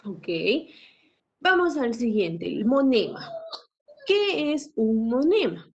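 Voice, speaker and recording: A woman's voice: a little high, very animated, slow, a little mellow. Woman teacher with a dull lo-fi sound. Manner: asks frequent tag questions; clears throat often. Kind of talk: classroom lecture. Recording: dull lo-fi recording.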